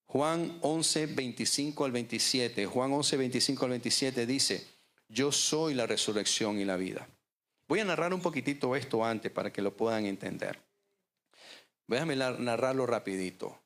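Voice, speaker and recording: A male pastor preaches with measured, dramatic pauses. His voice sits at a middle pitch. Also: a bit bright. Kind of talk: sermon.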